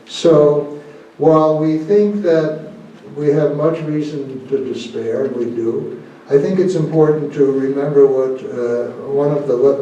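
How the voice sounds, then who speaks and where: A man giving the closing remarks of an academic talk, measured and thoughtful, pausing often with fillers. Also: fairly high pitch, dark tone. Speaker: conference speaker. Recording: dull, echoey hall from a distance.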